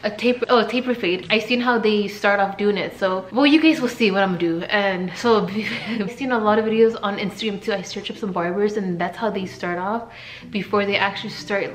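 A woman vlogging at home in a casual, chatty way, talking straight to her viewers. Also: mid-range voice. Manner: chatty, addresses viewers as "you guys". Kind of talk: casual vlog chat with sponsor read. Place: home room. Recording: echoey room.

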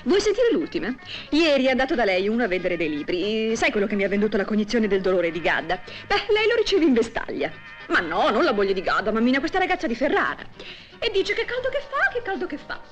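A chatty, gossiping young wife talks to her mother in a high voice that swings up and down. She is quick to take offence. It sounds like a 1960s film soundtrack, with music clearly playing underneath. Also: wildly swooping pitch. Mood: gossipy. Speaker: housewife on the phone.

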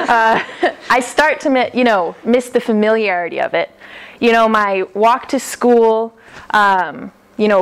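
A young American woman telling a personal story live, chatty and laughing often, acting out the quoted lines, heard from a camera across an indoor hall. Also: mid-range voice. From United States. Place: classroom-style hall, indoors. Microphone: far camera.

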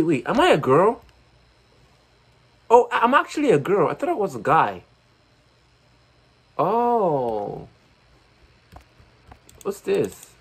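A man giving casual, excitable commentary while playing a game, thinking aloud, swearing and using slang like "fam". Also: fairly high pitch, slightly rough, poor audio. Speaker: gamer playing a horror game.

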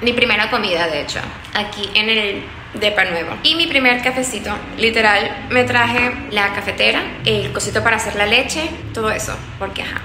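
A young woman vlogs her move into an empty new apartment, chatting to a handheld phone held at arm's length. Her mid-range voice moves at a moderate pace, bubbly and full of laughter. The bare rooms echo, music plays underneath, and the background is noisy.

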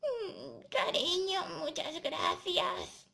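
A woman's voice: very high voice, very animated, drawn-out words, vocal fry, sharp tone, pitched above the performer's own voice, full character voice. Woman doing a sly wolf faking granny. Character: scheming male wolf faking a sweet granny.

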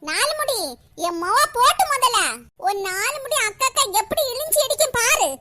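A woman's voice: extremely high pitch, animated, normal speed, background noise. A woman voicing a scheming older village mother-in-law in a cartoon, scolding bluntly with a Kanyakumari Tamil accent. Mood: angry scolding. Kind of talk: cartoon voice acting.

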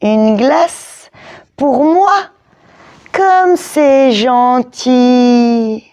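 A woman voicing a big bullying boy dinosaur in a storybook, mocking and slow. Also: on the high side, darkish tone. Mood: sneering.

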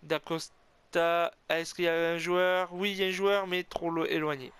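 Man, gamer play-by-play commentary, excitable, exclamatory, slightly high voice, clean smooth tone. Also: moderate pace, dry recording. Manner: animated, cheering and groaning, frequent "oh là là" exclamations; self-corrects and admits being an amateur. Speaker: gamer commentating his own hockey video game match.

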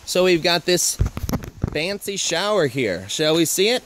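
A man's voice: fairly high pitch, sing-song, unhurried, a bit bright, a little hiss or hum. A young man in his twenties giving a chatty, joking walking tour outdoors in the woods, filmed on a handheld camera at arm's length.

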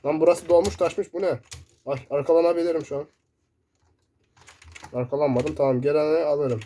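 A man commentating his own first-person shooter gameplay, excitable and shouting in bursts, keyboard clicks close by. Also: on the high side, normal speed. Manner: excitable, shouting in sudden bursts during play. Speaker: gaming YouTuber. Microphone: desk mic picking up keyboard. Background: loud keyboard typing.

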